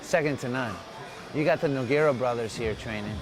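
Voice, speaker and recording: This Filipino MMA fighter, a native Tagalog speaker, is interviewed at a gym amid crowd noise on a low-quality recording. He speaks briskly in a mid-range voice, keeping his answers loose and upbeat, full of "you know" and "man."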